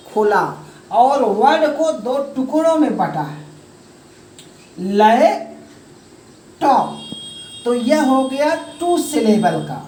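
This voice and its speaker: A woman teaching an English grammar lesson, explaining slowly step by step and calling the viewers friends. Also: fairly high pitch, darkish tone, slight background noise. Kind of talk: classroom-style grammar lesson. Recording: echoey room, voice from a distance, faint ambience.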